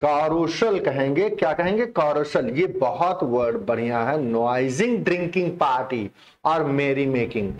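A man's voice: fairly high pitch, animated, measured pace, lo-fi sound. A man teaching English vocabulary in a chatty, repetitive online exam-prep lesson. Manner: explains in Hindi mixing English terms, chatty and repetitive.

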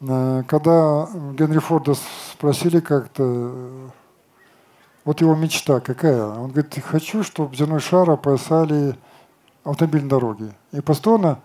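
A man's voice: a little high, normal speed, mellow. A man in his sixties speaking confidently on an outdoor festival stage, lecturing and answering audience questions with rhetorical questions. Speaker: company chief designer answering questions.

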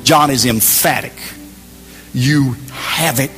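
A man preaching a sermon in a church, emphatic, moving between raised passages and hushed ones. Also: mid-range voice, takes it slowly, big-room sound, soft background music. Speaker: pastor.

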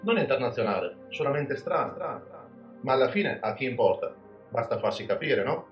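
A man's voice: mid-range voice, sing-song, fairly quick. A man from Veneto, a podcast host delivering a scripted, ironic and self-mocking monologue. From Veneto, Italy. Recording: roomy sound with background music.

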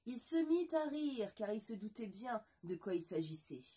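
Husky woman telling a bedtime story. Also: mid-range voice, moderate pace. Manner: soft, expressive read-aloud, addresses children fondly.

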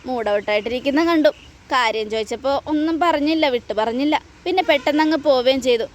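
Brief: woman voicing a jealous fiancée with probing questions, high voice. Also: quick pace, close to an everyday voice. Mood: needling.

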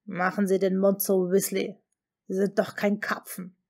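A woman's voice: medium pitch, steady tone, moderate pace, close to an everyday voice. A woman doing a cold, cutting male professor. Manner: quiet and cutting. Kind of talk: audiobook fan-fiction reading.

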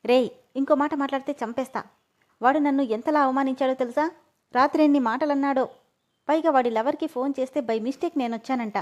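A fiery, sharp-tongued young woman, as a woman storyteller reads her. She snaps back indignantly in a fairly high voice. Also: fairly even intonation, brisk, lightly acted. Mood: angry. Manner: indignant, snapping.

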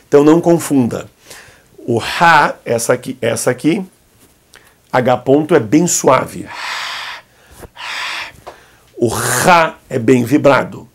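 In an indoor classroom, a man whose first language is Arabic teaches the alphabet at a whiteboard in a slightly high voice. He's patient and coaxing, saying each letter's sound slowly so the learner can repeat it.

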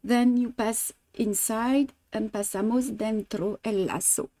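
Slow, patient embroidery teacher, a woman. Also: fairly high pitch, fairly even intonation, mellow, no room sound. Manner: patient step-by-step instructions with many fillers; chatty, greets and answers viewers' comments. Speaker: embroidery teacher hosting a live stream. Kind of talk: live craft demonstration, switching languages.

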